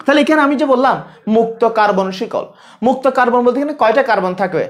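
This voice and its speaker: Man teaching a lively online biology class. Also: very high-pitched, quick pace. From Bangladesh. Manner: conversational, repeats key points, asks and answers his own questions. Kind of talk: live online class lecture.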